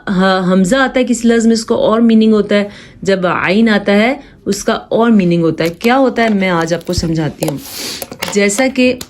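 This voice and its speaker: A woman with a Pakistani Urdu accent gives a patient, step-by-step Quran recitation lesson. Her talk is plain and explanatory, and she slows down to draw out the recited verses as examples. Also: medium pitch, darkish tone.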